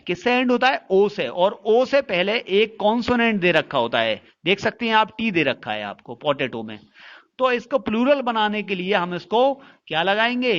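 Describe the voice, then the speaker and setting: A man's voice: sits high, a bit bright, dull audio. A man teaching English grammar in Hindi mixed with Indian-accented English, spelling words out letter by letter and asking questions back to the class.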